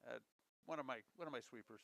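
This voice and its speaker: A man's voice: mid-range voice, quick pace, creaky, a bit bright. A man giving casual, chatty live curling commentary, with folksy jokes and repeated calls.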